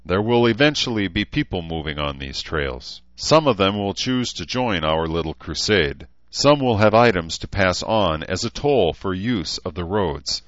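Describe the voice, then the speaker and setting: A man voicing a menacing male warlord who speaks calmly and persuasively, in a slightly muffled recording. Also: sits low, measured pace, hardly any pauses, no echo. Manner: calm, persuasive, commanding. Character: menacing male warlord, self-assured and cold. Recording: slightly muffled dry audio.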